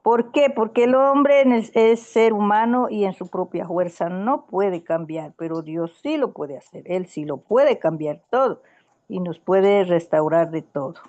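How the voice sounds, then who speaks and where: A woman's voice: mid-range voice, measured pace, darkish tone, muffled recording. A woman in a casual Bible study conversation, telling a story in an earnest, rambling way with many restarts.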